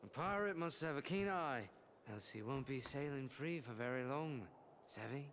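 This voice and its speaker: A man's voice: mid-range voice, animated, moderate pace, fairly bright tone, slight background noise. An actor playing a swaggering, sly male pirate captain in a video game cutscene, with a drawling, theatrical delivery.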